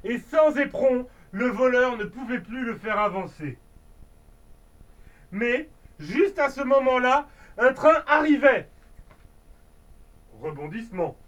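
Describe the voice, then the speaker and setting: Playful dad reading a storybook. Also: male voice, very high-pitched, lively intonation, measured pace, recorded from a distance, dull audio. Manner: playful, adds sound effects and asides. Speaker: father reading to his child. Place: home.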